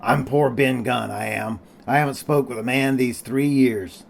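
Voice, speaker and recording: Guy putting on a scruffy old marooned sailor, cracked rusty voice, slow drawl, storybook read-aloud. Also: medium pitch, steady tone, vocal fry, a little hiss or hum. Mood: pleading. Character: ragged, half-wild old marooned male sailor.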